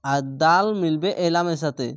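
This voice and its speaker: A man teaching Quran reading, spelling out each syllable and then chanting the words slowly with long drawn-out vowels. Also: a little high, fairly even intonation, fairly bright tone, smooth, no room sound, studio quality. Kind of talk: slow spelled-out recitation lesson.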